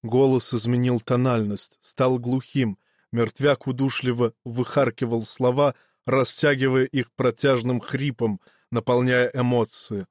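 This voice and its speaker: Man, audiobook narrator, even measured reading, mid pitch, dry close sound. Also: no echo. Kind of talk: first-person audiobook narration.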